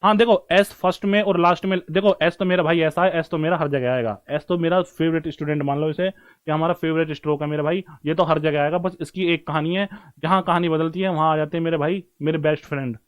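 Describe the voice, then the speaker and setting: A man teaching stenography in a live class, with a high, light voice. He talks to his students like brothers and friends, easygoing and repetitive, showing them step by step how to write each shape. His delivery is a casual teaching style rather than formal. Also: steady tone, quick pace. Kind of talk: online class lesson.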